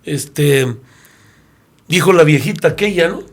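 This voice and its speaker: A man's voice: fairly high pitch, animated, slow, slightly rough. A man in his sixties with a Mexican Spanish accent, a pastor talking through a Bible lesson and telling stories in which he acts out the characters. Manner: storytelling, acts out quoted characters. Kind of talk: sermon-like Bible lesson discussion.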